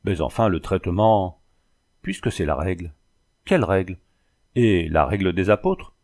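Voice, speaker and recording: A man reading an audiobook voices a polite, educated young engineer who speaks in a measured, courteous way. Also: low voice, very animated, darkish tone. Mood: earnest.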